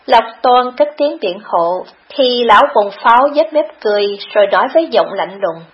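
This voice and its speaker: A woman narrating a long audiobook in a steady, dramatic storytelling manner. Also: on the high side, moderate pace. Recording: dull lo-fi recording.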